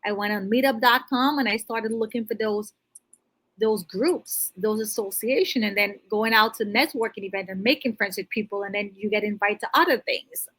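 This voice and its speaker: A woman's voice: mid-range voice, moderate pace, a bit bright, rough recording. A woman in natural, unscripted interview talk, giving emphatic, motivational advice straight to the listener as a financial coach. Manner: natural unscripted talk, restarts mid-thought.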